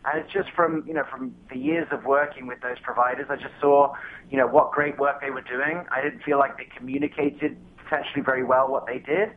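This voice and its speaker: A man's voice: mid-range voice, fairly even intonation, a little fast. A man in his thirties from England, a guest answering interview questions in a casual, hesitant way with many fillers and restarts. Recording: tinny phone line with faint noise.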